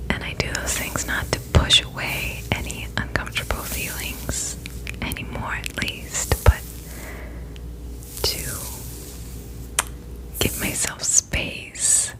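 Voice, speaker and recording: A woman whispering a gentle, reassuring pep talk in a reflective ASMR style, her voice breathy and unvoiced. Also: takes it slowly, long pauses, poor audio. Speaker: ASMR host.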